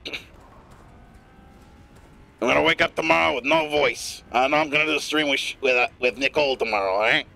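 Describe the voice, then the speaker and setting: A man streaming a game live, giving profane, rambling running commentary in a put-on gravelly smoker's rasp. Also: fairly high pitch, a little fast, pauses often, pushed and bright.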